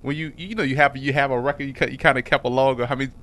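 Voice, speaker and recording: A man's voice: mid-range voice, fairly even intonation, rapid-fire, a bit bright. Young guy co-hosting sports chat, talkative, keeps restarting his sentences, studio mic. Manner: chatty, stumbling restarts, storytelling. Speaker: podcast co-host. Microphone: studio mic on camera.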